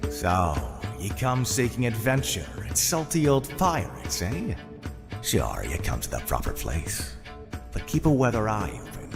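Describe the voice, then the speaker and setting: An actor playing a gruff, salty old pirate, like an old fisherman, narrating a trailer with theatrical menace. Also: on the low side, sing-song, measured pace. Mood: ominous, warning. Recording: long cavernous reverb over music.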